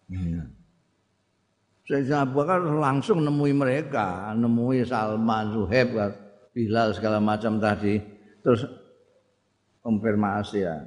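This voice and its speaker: A man's voice: mid-range voice, measured pace, pauses often, darkish tone. A man with a Javanese accent giving a conversational sermon, chanting Arabic phrases and then explaining them plainly. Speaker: religious teacher. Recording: long hall reverb.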